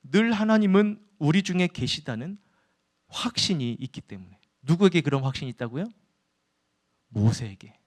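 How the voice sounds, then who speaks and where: Male pastor, higher voice, preaches a sermon in church and poses questions to the room. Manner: addresses the congregation often, asks questions and answers them.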